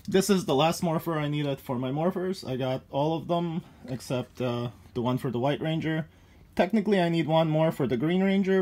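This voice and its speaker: Slightly high in pitch with a darkish tone, this thirtysomething man rambles through a vlog of his cluttered collection room. He films his toy pickups on a handheld phone as he walks, chuckling and dropping many ums and uhs.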